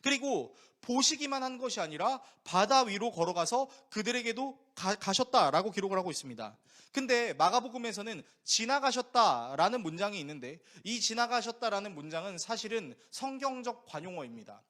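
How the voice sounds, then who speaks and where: Animated male preacher telling stories. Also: high-pitched, brisk. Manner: lively storytelling with rhetorical questions to the congregation. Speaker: pastor. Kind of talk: sermon.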